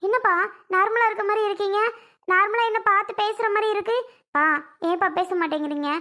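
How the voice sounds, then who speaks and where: A woman doing a tearful young daughter in a cartoon family serial, very high and bright, begging her father again and again. Her words come in soft, repeated pleas. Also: brisk. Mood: pleading. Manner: pleading, repeated calls of "appa".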